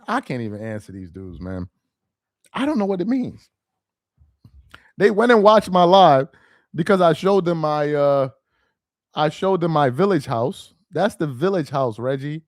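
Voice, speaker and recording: In a dry, clean studio recording, a young man with a fairly high-pitched voice hosts a casual stream. Of Nigerian heritage, he reads audience comments aloud and talks right to his chat, animated and laughing yet exasperated.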